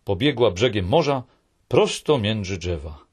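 A male storyteller reading an audiobook, his voice husky and lightly breathy. His pitch moves in a lively, animated way, rising and falling with the tale, and he slows down to linger on quiet moments. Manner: expressive storytelling, lingering on soft phrases. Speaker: narrator. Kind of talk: audiobook narration.

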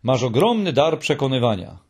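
A man voicing a calm, wry female creature with a dry, knowing tone, in an audiobook reading. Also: mid-range voice, normal speed, slightly rough.

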